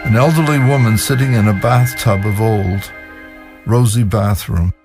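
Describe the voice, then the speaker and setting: A man's voice: on the low side, normal speed. A man reading screenplay stage directions in a matter-of-fact way for an audio drama. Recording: music playing behind.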